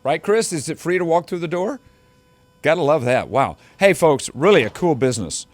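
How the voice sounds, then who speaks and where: A man's voice: on the high side, big pitch swings, moderate pace, no room sound. A man reporting live on a morning news show from inside a game shop, upbeat and joking with the people he meets. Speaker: field reporter.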